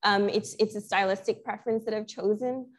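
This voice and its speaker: A young woman from Sri Lanka talks through her art slowly and thoughtfully, pausing and restarting her sentences. Her voice sits at a middle pitch, relaxed and conversational. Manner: reflective, thoughtful, many restarts and fillers. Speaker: guest artist. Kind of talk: conversational Q&A talk.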